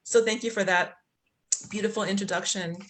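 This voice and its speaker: A woman's voice: mid-range voice, steady tone, brisk, slight background noise. A woman from Liberia, a podcast guest, telling a spiritual story in a reflective way with many fillers. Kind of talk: conversational interview.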